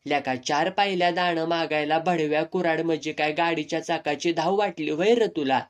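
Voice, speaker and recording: A man voicing a gruff, domineering village landlord who threatens his servants. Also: on the high side, steady tone, brisk, lightly acted. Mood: harsh. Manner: harsh and bullying.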